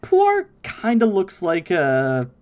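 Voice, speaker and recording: A man hosting a casual podcast, recapping episodes in an animated way and slipping into impressions of the characters. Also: high voice, slow. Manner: animated, mimics characters' voices while recapping. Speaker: podcast host.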